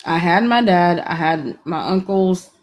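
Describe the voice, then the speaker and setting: A woman from Atlanta, Georgia, calls in to a live stream and speaks frankly in a lowish voice. Her candid, casual storytelling comes in quick bursts and is self-deprecating.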